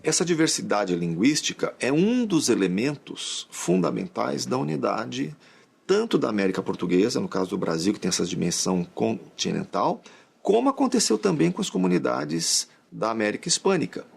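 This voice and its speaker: Gravelly, husky man explaining history. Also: mid-range voice, very animated, moderate pace. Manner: explanatory, conversational. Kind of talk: explanatory interview.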